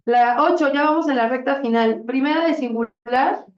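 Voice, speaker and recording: A woman with a high-pitched voice, speaking at normal speed, teaches a Spanish conjugation drill. She's patient and supportive, praising answers often, and the sound is distant, dull and roomy, typical of a classroom.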